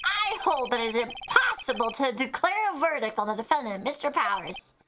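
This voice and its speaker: A woman's voice: high-pitched, sing-song, a little fast, very noisy. A woman voicing an earnest, flustered young male defense lawyer in an argumentative courtroom manner while reading a visual novel aloud.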